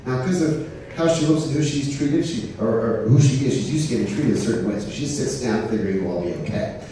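A man's voice: mid-range voice, fast, warm tone. Upbeat man on an echoey stage. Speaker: cruise director and stage host. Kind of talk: stand-up joke telling and announcements to a live audience. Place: large indoor theater stage. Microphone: handheld mic through PA, recorded from audience. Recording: echoey theater PA, distant, noisy.

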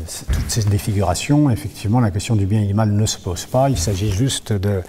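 A man's voice: lowish voice, dark tone, a little hiss or hum. A man in his fifties from Congo, an artist speaking in a seated interview, thoughtful and hesitant, repeating words as he searches. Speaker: performance artist.

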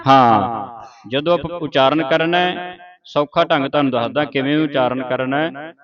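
A man teaching scripture pronunciation, slowly sounding out each word and checking that his student understands. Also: medium pitch, highs cut off, music in the background. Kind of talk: slow line-by-line recitation lesson.

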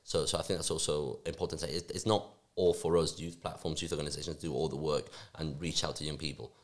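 A young man from Spain, a youth forum board member, answering interview questions in a studio, fast and animated with many restarts. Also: very deep voice. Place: small office studio. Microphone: podcast mic on stand, headphones.

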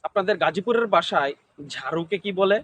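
A man's voice: high voice, expressive, fairly quick, a bit bright, a little hiss or hum. A man interviewing, asking the same kind of question over and over. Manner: repetitive, formulaic questioning.

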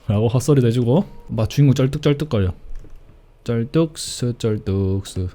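A man's voice: mid-range voice, lively intonation, moderate pace, mellow. A man streaming a horror game with casual commentary, easily scared, grumbling and swearing as he plays.

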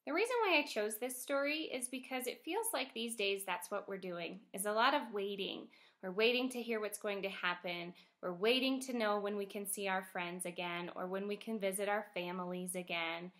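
A young adult woman who teaches first grade reads aloud to young children as if from a picture book, speaking expressively and clearly. Her pitch is medium, her speed normal, and her tone fairly bright.

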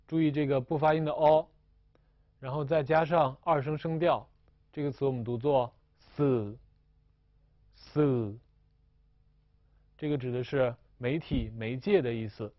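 A man teaching a recorded language lesson, explaining slowly and carefully with frequent hesitations. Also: medium pitch, steady tone, no echo, dull audio.

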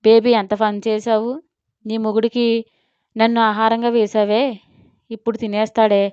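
A woman's voice: on the high side, flat delivery, normal speed, darkish tone, smooth, dry recording, close to an everyday voice. Woman doing jokey henpecked dad Satyadev. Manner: teasing, then sheepish. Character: easygoing middle-aged father, jokey and henpecked. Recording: dull lo-fi, dry.

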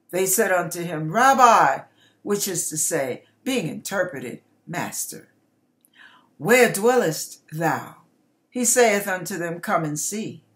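A woman in her sixties, an online ministry host, gives an expressive, dramatic reading of King James scripture, deliberate and emphatic as she acts out the dialogue. Her voice is medium-pitched, recorded by a webcam at desk distance in a small curtained indoor room.

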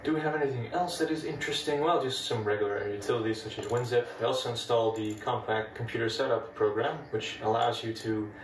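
Talking fast with hardly any pauses, a Dutch man with a mid-range voice and native Dutch accent casually walks through an old computer demo step by step for his retro computing video. The distant mic picks up a little hiss or hum and the echo of a room packed with old machines.

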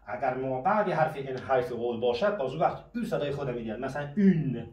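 A medium-pitched, animated man explains a French lesson in class, patiently working through questions he poses and answers alone. The mic is set back in a room with noticeable echo.

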